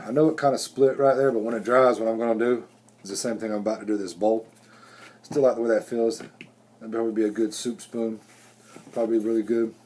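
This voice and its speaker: Folksy low-voiced man. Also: darkish tone, a little hiss or hum. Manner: rambling, folksy, self-correcting. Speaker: bushcraft vlogger. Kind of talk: casual workshop vlog.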